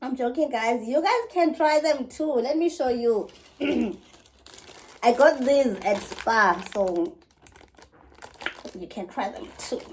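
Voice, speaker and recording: A woman's voice: a little high, a little hiss or hum, low-quality recording. A South African woman chatting casually to her viewers as a vlogger. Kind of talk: casual vlog chat to viewers.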